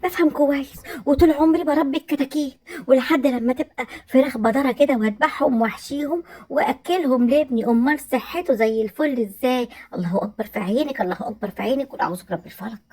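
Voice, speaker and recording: A woman playing a loud, brash Egyptian mother-in-law. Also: high voice, quick pace, natural voice. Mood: scolding. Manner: loud, blunt, scolding.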